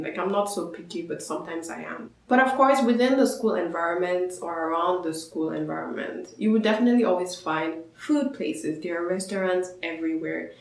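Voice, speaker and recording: Chatty young Nigerian-born woman vlogging. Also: on the low side. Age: young adult. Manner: chatty, explanatory, upbeat. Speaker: vlogger, international student. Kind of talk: casual advice vlog. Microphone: camera mic. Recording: echoey room.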